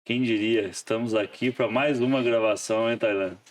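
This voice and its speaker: A man's voice: mid-range voice, steady tone, moderate pace, distant mic. A man hosting a podcast in casual chat, joking and laughing often with frequent restarts. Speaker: podcast host.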